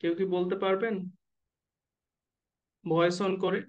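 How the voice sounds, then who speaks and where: A man tutoring nursing exam candidates in an online class, who keeps asking the students questions and slowly spells out letters and abbreviations. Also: high voice, flat delivery, muffled recording. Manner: asks the class questions and waits for answers.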